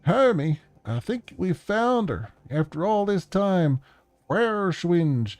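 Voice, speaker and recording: A man doing a jittery, high, breathless video-message man. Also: very animated, slow pace, a little mellow, no echo, heavily acted. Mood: urgent. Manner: breathless, urgent, words tumbling out.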